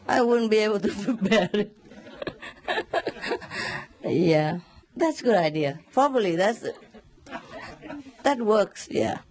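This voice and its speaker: A woman with a mid-range voice tells a story slowly, leaving long pauses. She's a spiritual teacher chatting casually, laughing often and bringing the tale to life with sound imitations.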